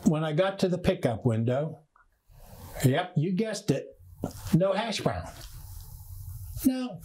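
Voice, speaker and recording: A man preaching a sermon as a pastor, earnest and unhurried, drawing out key words for emphasis. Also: a little high, darkish tone, husky.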